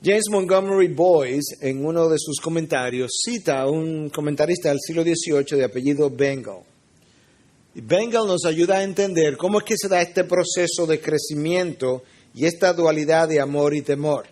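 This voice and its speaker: A man's voice: a little high, darkish tone. A middle-aged man who is a pastor, preaching an earnest teaching sermon and speaking straight to his listeners.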